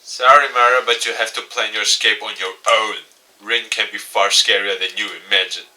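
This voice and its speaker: A man's voice: on the low side, level tone, fairly quick, bright, forceful tone, distant mic, faint music behind, low-quality recording. A man reading a visual novel aloud in a goofy, dramatic let's-play style with joking asides.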